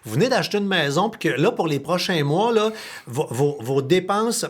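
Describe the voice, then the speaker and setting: A man with a Québécois accent hosting a podcast, talking in an animated, colloquial way with casual swearing. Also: on the high side, moderate pace. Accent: Québécois French. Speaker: podcast host.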